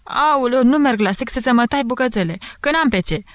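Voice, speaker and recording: A woman voicing a young peasant servant woman who wails and protests in loud country speech. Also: medium pitch, animated, vocal fry, dry recording, pitched above the performer's own voice. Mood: wailing.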